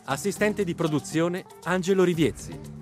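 A man's voice: high-pitched, faint music behind. Man reading radio credits. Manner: measured, formal. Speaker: announcer.

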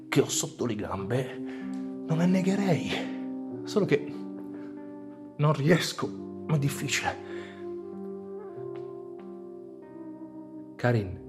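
A man playing a maimed young soldier, deaf and blind and trapped in his body, in a dramatic monologue, swinging between anguished cries, whispers and numb calm. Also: mid-range voice. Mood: dazed, numb. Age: young adult.

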